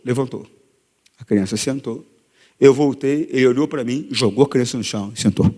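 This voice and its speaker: A man preaching as a pastor, moving between hushed storytelling and loud, emphatic repetition. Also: mid-range voice, normal speed, long reverb tail. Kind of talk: sermon. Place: church hall.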